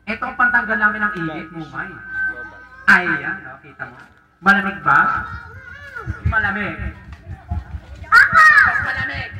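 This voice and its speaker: Working as a clown at a children's birthday party, a man with a high, bright, forceful voice hosts a game, teasing and joking with a child and laughing often. He speaks at a moderate pace with frequent pauses into a handheld mic, while a distant camera picks up a roomy, far-off sound.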